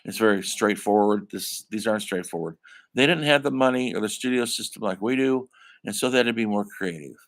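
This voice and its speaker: A man's voice: fairly low pitch, a little fast, fairly bright tone. An older man giving a classroom film lecture in a conversational way, calling his students folks. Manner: conversational, addresses listeners as folks. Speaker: college film instructor.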